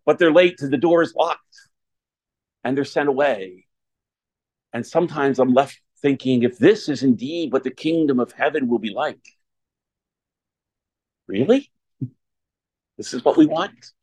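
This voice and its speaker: Measured male priest giving a homily. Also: medium pitch, a little mellow. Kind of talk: homily and Gospel reading.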